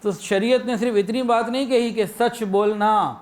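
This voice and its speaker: A preacher with a high voice and a Pakistani Urdu accent delivers a sermon in fairly even intonation, illustrating his points with anecdotes and acted-out phrases.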